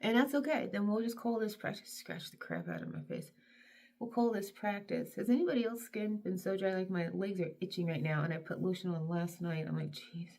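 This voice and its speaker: A middle-aged woman vlogger from North Carolina chatting casually while she does her hair, self-deprecating and drifting into soft mutters. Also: mid-range voice, lively intonation, fairly quick.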